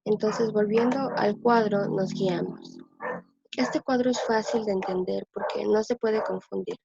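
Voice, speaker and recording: A woman speaks slowly and patiently as she teaches a language lesson, pausing to think aloud and repeating words for her listeners. Her voice is husky with a gravelly edge, a little high for a woman. The recording is dull, lo-fi and dry. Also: steady tone, heavy background noise.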